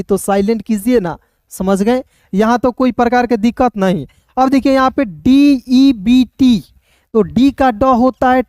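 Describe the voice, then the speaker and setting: Mellow-voiced man teaching pronunciation. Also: very high-pitched, dry recording, clean studio sound. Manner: spells words out letter by letter, slowly and deliberately; repetitive, coaxing, keeps addressing viewers as friends. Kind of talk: online spoken lesson.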